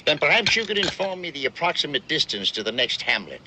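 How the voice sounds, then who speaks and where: A man's voice: on the high side, sing-song, fast. An actor playing a grandiloquent traveling showman and huckster in a TV western, with pompous, wordy riverboat gambler patter. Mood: grandly courteous. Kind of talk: 1960s television western acting. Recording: noisy old TV western soundtrack.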